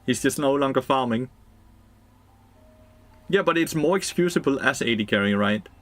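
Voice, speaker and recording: A man's voice: mid-range voice, expressive, normal speed, a bit bright, soft background music. Blunt, swearing man streaming a game. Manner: blunt, profane, laughing, reads chat. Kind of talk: casual gameplay commentary.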